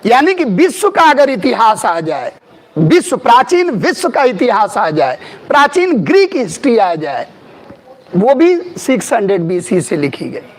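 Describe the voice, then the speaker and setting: A middle-aged male history teacher, lecturing in a classroom. His voice sits very high and swings widely in pitch. He drills key terms by repeating them and puts questions to his students. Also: sing-song, a little slow.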